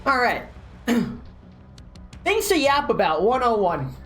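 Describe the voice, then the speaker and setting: A woman's voice: a little high, sing-song, takes it slowly, fairly bright tone, faint music behind. A woman game streamer reading a story aloud and adding casual commentary.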